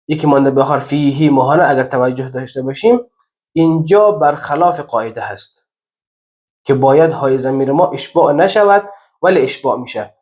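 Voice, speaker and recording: A man teaching Quran reading in a recorded lesson, explaining step by step and slowly stretching out the example words he recites. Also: medium pitch, a little mellow.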